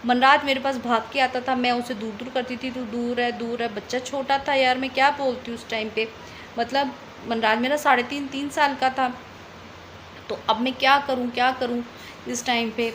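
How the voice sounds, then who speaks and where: A young woman vlogger from Delhi with a high voice tells a personal story straight to camera. She talks in a loose, chatty way and keeps repeating phrases for emphasis. Faint background noise sits under her voice. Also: fairly even intonation, normal speed, a bit bright. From Delhi, India.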